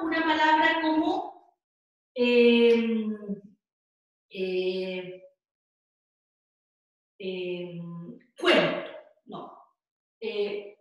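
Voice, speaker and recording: A woman with a Chilean Spanish accent teaching an online class, explaining patiently and often checking in with her students. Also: high-pitched. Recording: very echoey room.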